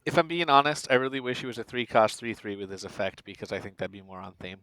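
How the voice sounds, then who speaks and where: A man co-hosting a casual card game podcast, joking and thinking out loud with plenty of fillers. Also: mid-range voice, expressive, quick pace, clear, resonant tone, dry recording. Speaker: podcast co-host. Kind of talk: casual gaming chat.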